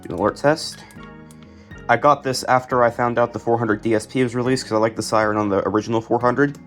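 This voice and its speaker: Showing his collection on video, an American man narrates casually and unscripted, halting and often trailing off partway through thoughts. His voice sits in a normal male range with fairly even intonation, and music plays behind him.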